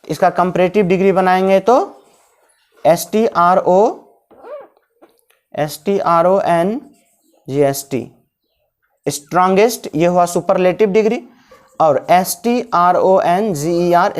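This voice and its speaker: A woman's voice: lowish voice, slow, long pauses, darkish tone. A woman teaching an English lesson step by step, asking questions and answering them herself. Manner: explains step by step, asks and answers own questions. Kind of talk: classroom-style grammar lesson.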